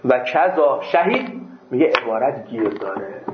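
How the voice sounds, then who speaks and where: A man with a mid-range voice and big pitch swings leads a seminary class against a noisy background. He reads Arabic text aloud, works through it with questions and answers, and slips in the odd joke for his students. The recording is dull and echoey.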